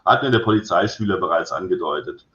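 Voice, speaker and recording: A plain-spoken police inspector who gets indignant quickly and says things straight out, as a man reads him aloud. His voice is low, with a roomy, slightly dull sound around it. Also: pushed and bright. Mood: blunt, indignant.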